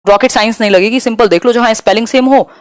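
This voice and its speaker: A young woman with a fairly high voice runs a live online exam-prep lesson. She explains each term step by step, mixing in English words, and slows right down when she reads a question out. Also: dry recording, clean studio sound. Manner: explains in Hindi mixed with English terms, slows to read questions aloud. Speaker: teacher.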